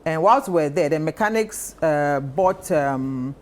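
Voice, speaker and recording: A woman on a talk panel, telling stories in a lively, insistent way and repeating her points. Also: deep voice, measured pace. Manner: animated storytelling, repeats phrases. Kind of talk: casual chat.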